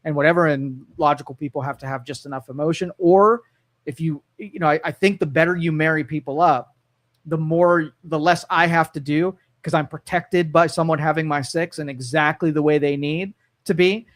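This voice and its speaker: A man's voice: on the high side, steady tone, moderate pace, no room sound. A middle-aged man co-hosting a casual live talk show, thinking aloud with frequent restarts. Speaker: podcast co-host.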